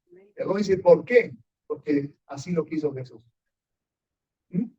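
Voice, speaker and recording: A high-pitched man, preaching to a congregation with emphatic swings of voice. He keeps checking in with his listeners. The recording is dull and lo-fi, as if taken in a church room. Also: animated, measured pace, darkish tone, husky. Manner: emphatic, asks the audience often, rising and falling sharply. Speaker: pastor teaching a class. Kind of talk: sermon-style Bible teaching with congregation questions.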